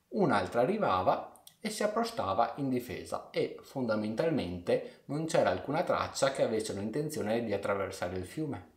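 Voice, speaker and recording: A man narrating a historical tale at a measured pace, with playful asides to his viewers. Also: medium pitch, reverberant. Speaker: history storyteller. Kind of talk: storytelling narration.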